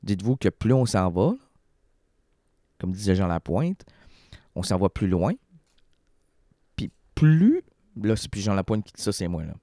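A man's voice: fairly low pitch, very animated, measured pace, long pauses, mellow, dry recording, studio quality. Theatrical rambling Quebec French radio man. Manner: theatrical, digressive, playful. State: sore throat. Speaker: community radio host. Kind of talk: rambling solo radio monologue.

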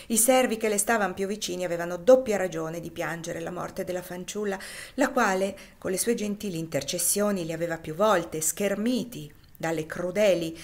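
A woman reading a classic novel aloud as an audiobook, in a measured, expressive narration. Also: lowish voice. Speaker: reader.

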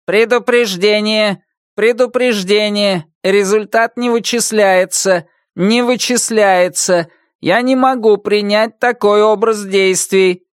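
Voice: medium pitch, steady tone, slow, clear, resonant tone, no echo, clean studio sound, voice pushed up, natural voice. A narrator voicing a clanking metallic robot from an old TV show that blares stiff, repeated warnings. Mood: alarmed. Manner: clipped alarmed repeated warnings. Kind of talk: audiobook narration.

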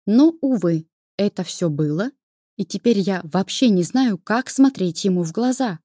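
A woman's voice: mid-range voice, expressive, moderate pace, dark tone, no room sound, studio quality. A woman reading a novel aloud as its first-person narrator, telling the story expressively. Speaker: audiobook narrator.

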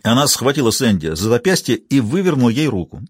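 Husky-voiced male audiobook narrator. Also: medium pitch, sing-song, fast, no echo, clean studio sound. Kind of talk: scripted narration.

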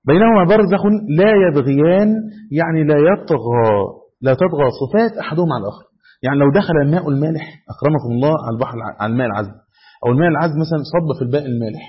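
Husky Egyptian sheikh lecturing fast. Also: male voice, fairly high pitch. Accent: Egyptian Arabic. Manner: asks students questions, then answers himself. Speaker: sheikh teaching a text. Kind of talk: classroom lecture. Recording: dull lo-fi recording.

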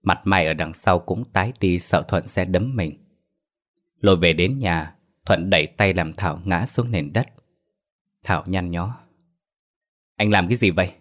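A man narrating a village story in a steady, measured way. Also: deep voice.

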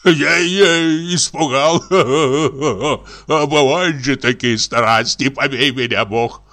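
A man voicing a drunken, swaggering masked man who mocks everyone and laughs loudly. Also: medium pitch, slow, voice pushed up. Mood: jeering swagger. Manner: boisterous, mocking, laughs loudly.

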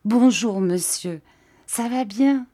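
A woman reading an audiobook and voicing a small, cheerful Corsican woman who greets guests warmly and bustles about. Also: fairly high pitch, slow pace, pitched above the performer's own voice. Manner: bright, bustling, welcoming.

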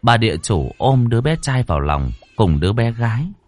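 A man narrating a ghost story in a dramatic, expressive reading style. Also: medium pitch, brisk, dry recording.

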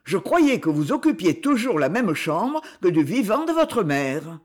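A woman's voice: fairly low pitch, sing-song, measured pace, darkish tone. A woman reading the part of a stern young nobleman who speaks firmly, coldly and with irony. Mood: stern commanding. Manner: firm, cold, ironic.

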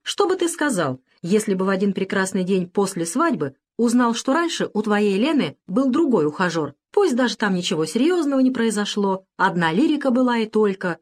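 A woman's voice: mid-range voice, very animated, fairly quick, few pauses, darkish tone. Woman voicing a grumbling old army officer. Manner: grumbling, lecturing. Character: gruff older male ex-political officer, grumbling.

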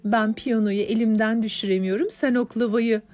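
A cheerful teenage girl, upbeat and a bit louder than the narration, played by a woman narrator. Faint music hums under the storybook. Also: fairly high pitch, fairly even intonation, normal speed, lightly acted.

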